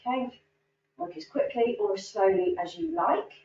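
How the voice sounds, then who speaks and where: A woman's voice: a little high, lively intonation, normal speed, dark tone. A woman fitness instructor leading a standing cardio class, upbeat and encouraging as she counts reps. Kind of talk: guided exercise class. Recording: roomy, distant, dull sound.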